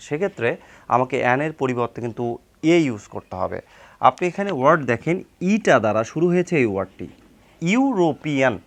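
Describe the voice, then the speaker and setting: A man with a Bangladeshi Bengali accent teaching English grammar, explaining rules through examples, asking himself questions and answering them, and spelling words out letter by letter. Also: fairly high pitch.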